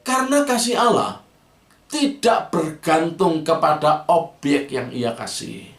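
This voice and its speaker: A man's voice: fairly high pitch, slow pace. Pastor guy preaching, voice jumps all over, playful bits, echoey church. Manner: animated preaching, acts out romantic lines with humor. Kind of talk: sermon.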